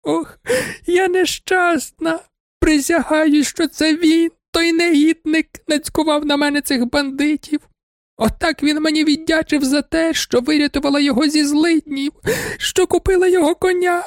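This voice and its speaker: A man's voice: very high-pitched, fairly even intonation, moderate pace, dry recording, studio quality, voice pushed up. Man doing a shrieking hysterical baroness. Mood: wailing. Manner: shrieking, wailing. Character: shrill middle-aged baroness, hysterical and aggrieved, woman.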